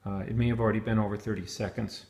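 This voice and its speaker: Racing through an unscripted demo of helmet intercoms, a product reviewer explains each step in a lowish, darkish voice with little pitch movement. The sound is roomy and echoing.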